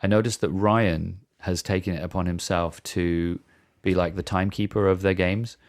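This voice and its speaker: A man hosting a casual film podcast, relaxed and steering the talk between segments. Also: sits low, normal speed. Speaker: podcast host.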